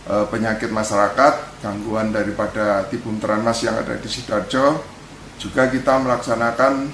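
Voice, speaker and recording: A man gives a formal, halting interview answer as an official. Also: on the low side, little pitch movement, a bit bright. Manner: halting, with many hesitations. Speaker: enforcement official. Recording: echoey, slight background noise.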